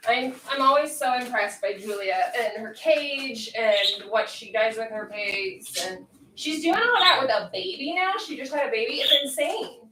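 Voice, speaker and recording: A woman's voice: a little high, expressive, pushed and bright, roomy sound, recorded from a distance, slight background noise, rough recording. Chatty woman livestream host from the northeastern US. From northeastern United States. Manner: chatty, talks straight to viewers and chat; says she talks fast. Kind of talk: casual livestream chat.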